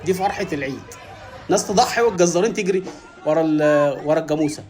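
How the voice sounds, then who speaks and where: A man's voice: a little high, fast, darkish tone, some chatter behind. A man with an Egyptian accent giving joking, exclamatory voice-over commentary on funny viral clips. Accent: Egyptian Arabic. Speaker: video host.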